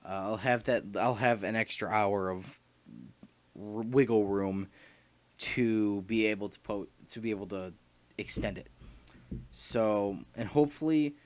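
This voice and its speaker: A man's voice: on the low side, unhurried, no room sound. A young man rambling through a casual vlog announcement, full of fillers and restarts, his throat dry and short of breath. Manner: rambling, repeats himself, many fillers and restarts. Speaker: YouTuber announcing his podcast.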